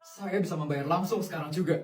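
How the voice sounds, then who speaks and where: A woman voicing a polite, obedient assistant who speaks formally and calmly. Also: medium pitch, fast, pitched below the performer's own voice, lightly acted. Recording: roomy sound from a distance.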